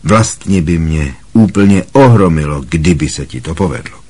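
A man voicing a pale, patient male wizard teacher in a storybook reading, gentle and calm, with a husky voice. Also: a bass voice, exaggerated voice. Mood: reassuring.

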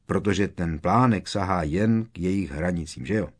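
A man reading aloud, voicing a worried teenage boy wizard who speaks urgently and with emphasis. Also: sits low.

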